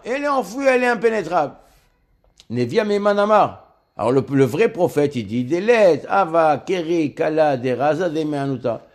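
Male religious teacher, fairly high voice, halting study-lesson delivery with frequent repeated words. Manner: halting, repeats words while explaining each term.

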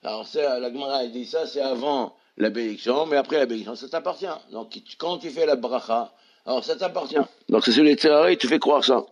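A man's voice: mid-range voice, quick pace, dull audio. A man giving a Talmud lesson, reading Hebrew and Aramaic passages and explaining them in French, with frequent restarts. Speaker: Torah teacher.

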